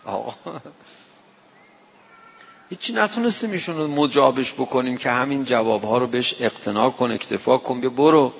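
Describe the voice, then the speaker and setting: A man's voice: medium pitch, husky. A man from Tehran with a Tehran accent, giving a night-prayer sermon in a folksy, conversational way and acting out the dialogue of his anecdotes. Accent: Tehran Persian. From Tehran, Iran. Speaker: preacher. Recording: echoey dull hall recording.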